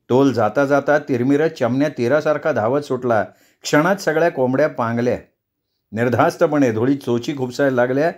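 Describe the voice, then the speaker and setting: A man's voice: mid-range voice, darkish tone. Man reading a novel aloud. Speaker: storyteller. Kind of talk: audiobook narration of a novel.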